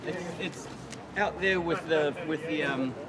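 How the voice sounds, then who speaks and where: A man's voice: a little high, a little slow. A man chatting casually outdoors, talkative and often repeating his phrases. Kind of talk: casual chat. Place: outdoors at an urban event site. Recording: very noisy outdoor crowd and traffic.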